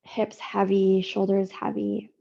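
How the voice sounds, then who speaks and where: A woman yoga teacher leading a slow guided practice, soothing and unhurried with long pauses. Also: medium pitch, monotone, gravelly, mellow, muffled recording.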